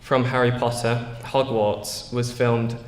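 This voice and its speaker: Slow and level, a teenage boy's medium-pitched voice carries a Yorkshire English accent as he earnestly delivers a prepared school speech. Small slips and fillers creep in, and the hall he speaks in is echoey with long reverb.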